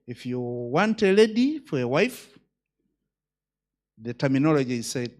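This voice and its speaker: A man's voice: medium pitch, sing-song, measured pace, a little mellow. A man, a judge giving a speech at a conference, emphatic and full of rhetorical questions.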